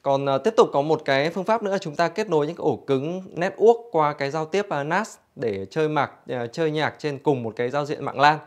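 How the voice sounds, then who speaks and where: A man's voice: a little high, fairly quick, few pauses. A man giving an infomercial-like product demonstration for a store, explaining conversationally to customers.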